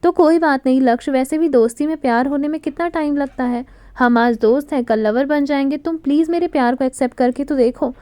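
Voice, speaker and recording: A woman's voice: sits high, brisk, warm tone, lightly acted. A woman voicing a young woman who is obsessively in love, her lines pleading and insistent.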